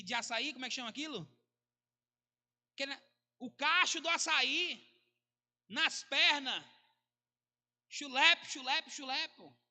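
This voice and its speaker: A male pastor, preaching a sermon in a conversational way, mixing jokes with sudden swings between soft and loud. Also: extremely high pitch. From Brazil. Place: church hall. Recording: reverberant church hall.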